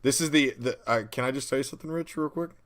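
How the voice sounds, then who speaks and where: A man's voice: medium pitch, fast talker, a bit bright. A man co-hosting a podcast, brainstorming in casual chat, rambling and self-deprecating. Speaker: podcast co-host.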